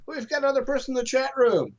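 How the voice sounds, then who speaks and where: A man co-hosting a gaming stream over voice chat, joking, teasing and laughing often. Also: very high-pitched. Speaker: game streamer co-host. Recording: dull lo-fi voice chat audio.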